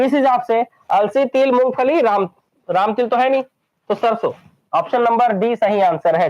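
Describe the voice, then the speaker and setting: Speaking in a high voice with a darkish tone, this teacher from Chhattisgarh, India runs an exam-prep class. He repeats lists again and again and keeps asking his students questions. It's a dull, lo-fi recording.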